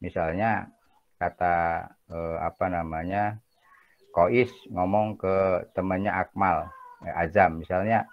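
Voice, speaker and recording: A man's voice: sits low, fairly even intonation, slow pace, long pauses. Guy teaching a class, joking around a lot, keeps asking ya nggak, muffled lo-fi sound. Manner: chatty, jokey, peppers talk with tag questions. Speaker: university lecturer. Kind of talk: casual classroom lecture.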